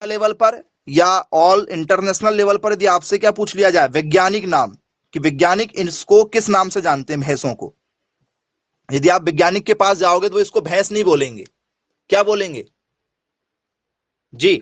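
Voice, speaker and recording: A man's voice: sits high, moderate pace, dry recording. A middle-aged man from northern India teaching an exam coaching lesson, who asks the students questions, answers them himself and keeps repeating the key points.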